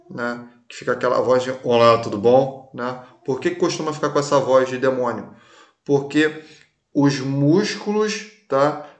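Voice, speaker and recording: A man teaching a recorded class in a casual way, often checking that students follow along. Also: medium pitch. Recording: echoey room.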